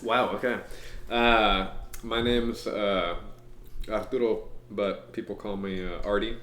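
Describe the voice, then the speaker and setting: A young man from Houston co-hosting a casual podcast, relaxed and rambling, often laughing. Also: on the low side, slow pace, slight background noise. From Houston, Texas. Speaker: podcast co-host. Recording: echoey room.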